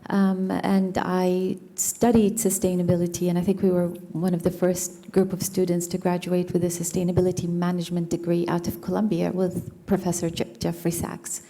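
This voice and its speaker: A woman from Iraq speaking on a panel discussion, measured, with some restarts. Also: lowish voice, monotone, gravelly, warm tone.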